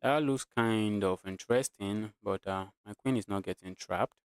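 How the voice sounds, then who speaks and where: Chatting with his viewers while playing, this man from Nigeria, a chess streamer, thinks aloud and repeats himself in casual live commentary, with a Nigerian accent. His voice sits on the low side with a clean tone at a moderate pace, free of echo.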